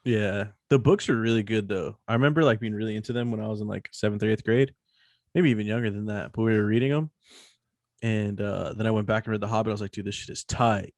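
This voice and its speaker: Low-voiced bro cracking jokes on a podcast, cusses a lot, dry mic sound. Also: male voice, fast talker, darkish tone, no room sound. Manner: slangy, profane, joking. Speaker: podcast co-host. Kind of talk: casual chat.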